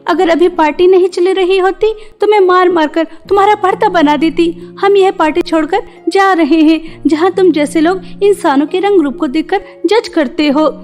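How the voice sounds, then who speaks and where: A woman voicing a loyal, spirited young woman in an animated story, earnest and firm as she speaks up for her sister. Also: extremely high pitch, moderate pace, few pauses, soft background music. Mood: defiant.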